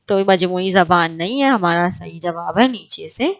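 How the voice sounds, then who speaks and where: A woman's voice: lowish voice, animated. Woman teaching an exam prep lecture. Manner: asks questions then answers them.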